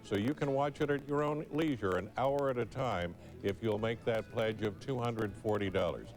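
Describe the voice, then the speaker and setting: Man, deep-ish voice, pledge drive host, formal, earnest appeal, music underneath. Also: moderate pace. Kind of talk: public television pledge appeal, semi-scripted ad-lib.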